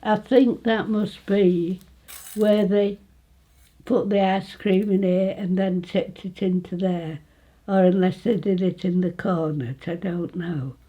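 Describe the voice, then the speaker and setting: An elderly woman in her nineties reminisces informally in an East Midlands English accent. Her voice is soft-edged and a little low, and she speaks very slowly, pausing and trailing off as she remembers. The recording is slightly dull. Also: steady tone. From Retford, England. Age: 90s. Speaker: interviewee recalling her life.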